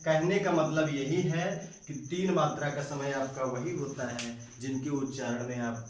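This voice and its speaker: A man teaching a grammar lesson, explaining step by step and repeating key phrases slowly. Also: medium pitch, steady tone, slight background noise. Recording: very echoey room, mic far off.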